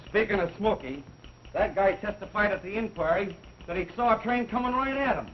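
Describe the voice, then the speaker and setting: A man's voice: sits high, animated, a little fast. An actor playing a skeptical male railroad worker, dry and matter-of-fact. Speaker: railroad signal man. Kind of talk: 1930s film acting. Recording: dull, hissy early sound film.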